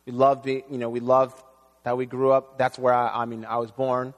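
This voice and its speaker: A man's voice: medium pitch, flat delivery, normal speed. Haitian-born male pastor preaching in a hall. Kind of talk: sermon. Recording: long reverb in a hall.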